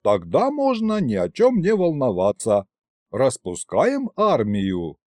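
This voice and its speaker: Man voicing an eager excitable young man. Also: medium pitch, slow pace, no echo. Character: eager young man, tsar's adopted son and clerk.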